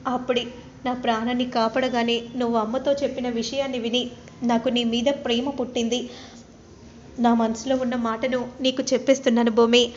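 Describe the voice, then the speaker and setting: A woman's voice: on the high side, flat delivery, normal speed, slight background noise, lightly acted. A woman doing an earnest lovesick young man. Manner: pleading, insistent. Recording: dull lo-fi recording.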